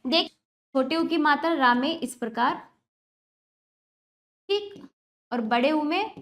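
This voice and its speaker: A woman teaching a grammar lesson to children, patiently asking questions and then answering them, spelling words out slowly. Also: high-pitched, lively intonation, fairly bright tone. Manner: slows down and stresses each word when spelling examples.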